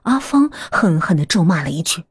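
A woman narrating an audio story in a soft, unhurried storytelling manner. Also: lowish voice, sing-song, slightly rough, no room sound, studio quality.

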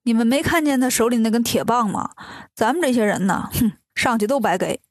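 A woman voicing a boastful, scheming male demon king in a children's story, with a sly, slow drawl. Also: fairly high pitch, no echo, clean studio sound. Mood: wary.

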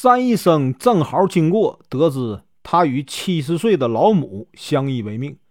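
A man's voice: fairly high pitch, sing-song, no room sound, clean studio sound. A male storyteller with a Northeastern Mandarin accent, telling a classic tale in a chatty, folksy way. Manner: chatty, many drawn-out filler particles.

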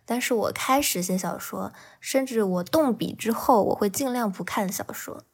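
A woman's voice: medium pitch, normal speed, creaky, slightly rough. A woman novelist talking candidly and reflectively in a casual podcast conversation, with a laugh here and there between thoughts. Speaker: novelist guest.

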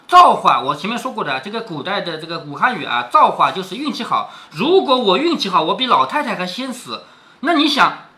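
A man's voice: high voice, sharp tone. A man explaining a classic novel to his daughter, retelling the story and stopping often to ask rhetorical questions and explain old words.

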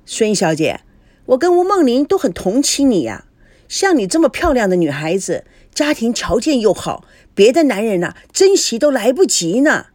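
A woman voices a smooth-talking, flirtatious middle-aged man for a storybook. He wheedles and jokes in a lively, swooping voice, recorded close and dry. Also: on the high side, moderate pace, no echo. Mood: flirty, glib. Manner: wheedling and glib.

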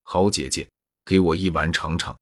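A man's voice: sits low, steady tone, moderate pace, no room sound, studio quality. A man reading as a coaxing young nobleman. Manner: read in the narrator's own voice.

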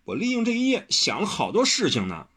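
A man's voice: high-pitched, huge pitch swings, a bit bright, breathy edge, pitched above the performer's own voice, exaggerated voice. Man putting on a whiny, petulant young swordsman. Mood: indignant. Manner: fussy, whiny, quick to protest. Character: petulant, sharp-tongued young male swordsman.

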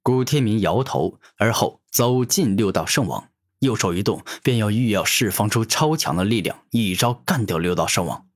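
A man narrating a fantasy audiobook in an animated storytelling manner. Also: on the low side, moderate pace.

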